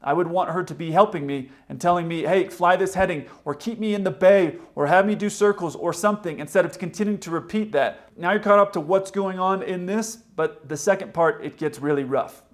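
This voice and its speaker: Speaking a little fast with hardly any pauses, a man with a high-sitting voice explains flying procedures. He's a pilot hosting a video about aviation radio, and his commentary is plain-spoken and opinionated.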